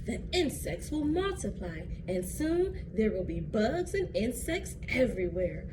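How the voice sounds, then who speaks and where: A woman voicing a practical storybook mother who gently questions her young son in a measured way. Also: on the high side, big pitch swings. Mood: questioning. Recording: clearly noisy background.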